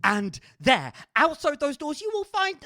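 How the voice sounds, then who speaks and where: A woman's voice: high voice, huge pitch swings, unhurried, bright, forceful tone, no echo, clean studio sound, full character voice. A woman voicing the Doctor in a radio comedy sketch, warning of monsters in a sweeping, theatrical manner. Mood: ominous.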